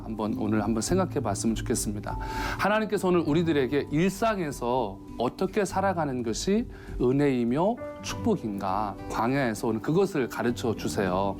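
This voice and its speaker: Lively storytelling pastor, a man. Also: mid-range voice. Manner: lively storytelling, chatty, asking the audience. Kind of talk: TV sermon with a joke story. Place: TV studio.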